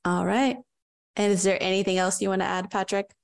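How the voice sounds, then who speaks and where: A woman hosting a business podcast, asking questions and reading sponsor messages in an upbeat, steady way. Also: medium pitch, a little fast, gravelly. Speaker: podcast host. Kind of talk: podcast interview and sponsor reads.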